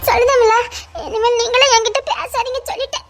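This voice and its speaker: Very high bright voice, woman as a scared village girl, pleading. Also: steady tone, fast talker, a little hiss or hum. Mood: fearful. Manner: pleading, repeating herself anxiously. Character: frightened young village girl in love. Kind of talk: amateur village drama.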